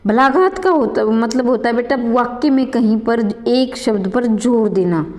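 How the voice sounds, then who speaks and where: Female coaching teacher, high-pitched, explains and repeats every answer; reverberant room. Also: measured pace, a little mellow. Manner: addresses students as children, repeats questions and answers aloud. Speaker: Hindi exam coaching teacher. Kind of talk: exam answer walkthrough lesson.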